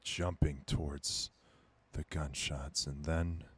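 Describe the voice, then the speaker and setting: A man's voice: rumbling low, flat delivery, slow, fairly bright tone, breathy edge. A man running a tabletop game as game master, narrating a violent scene in grim, dramatic tones. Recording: faint background music.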